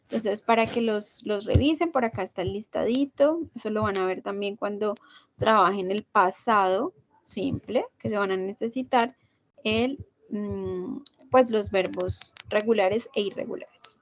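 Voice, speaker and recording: A woman's voice: medium pitch, unhurried, slight background noise. A woman teaching an English grammar class online, explaining patiently step by step and checking in with her students. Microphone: video call. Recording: lo-fi video call audio.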